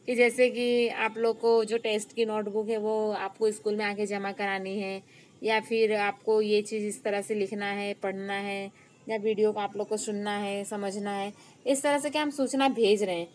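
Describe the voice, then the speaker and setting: A woman teacher giving an online class lecture, explaining slowly, repeating key terms and stressing example phrases. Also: medium pitch, little pitch movement, a little hiss or hum, low-quality recording.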